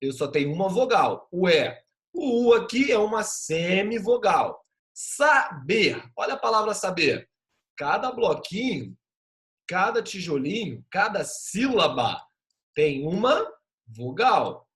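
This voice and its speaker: Guy teaching a class online, high voice that jumps around a lot, drags out the sounds slow. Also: sing-song, fairly bright tone. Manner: patient, drawn-out spelling of sounds. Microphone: video call.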